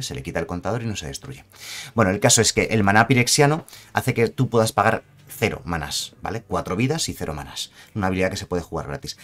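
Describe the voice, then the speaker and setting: A man from reviewing game cards in a chatty, self-correcting way, often asking "¿vale?" to his viewers. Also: on the low side. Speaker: card game content creator. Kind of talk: casual card review commentary.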